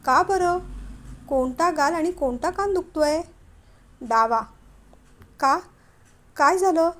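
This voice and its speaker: A woman's voice: high voice, slow pace, a bit bright, voice pushed up. A woman voicing a curious, chatty young wife who fires off eager questions in a storybook reading.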